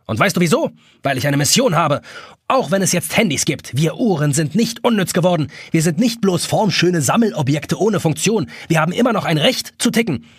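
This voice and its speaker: A man's voice: a little high, animated, brisk, husky, dry recording, clean studio sound. A man voicing a vengeful giant pocket watch villain that barks threats. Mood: menacing. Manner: threatening, barking proclamations.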